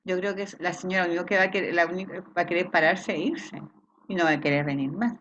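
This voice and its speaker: A woman's voice: fairly low pitch, fairly even intonation, quick pace, a bit bright. Chilean woman teacher, explanatory, keeps checking in, dull video-call sound, slight hiss. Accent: Chilean Spanish. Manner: explanatory, checks in with frequent rhetorical questions. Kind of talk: online class lecture.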